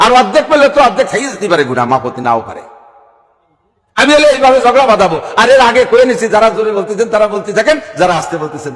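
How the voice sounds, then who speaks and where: Man, sermon, emphatic rhetorical questions, high voice, long reverb. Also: fairly bright tone. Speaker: preacher. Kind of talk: sermon at a religious gathering. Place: large outdoor gathering with PA sound. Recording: public address sound with long reverb.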